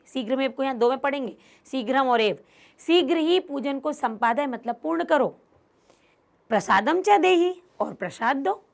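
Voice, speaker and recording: A woman's voice: on the high side, vocal fry. A woman teacher gives an online lesson, reading Sanskrit lines aloud and explaining them word by word, and acting out the characters' lines in a livelier voice.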